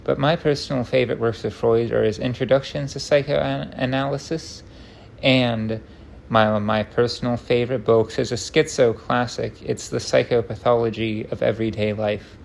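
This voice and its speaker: Casting: man, creaky gravelly voice, fairly flat delivery, wry and self-deprecating, rambling off-the-cuff rant, some background noise. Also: medium pitch, moderate pace. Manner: rambling, tangent-prone rant, self-interrupting. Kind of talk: unscripted rambling monologue.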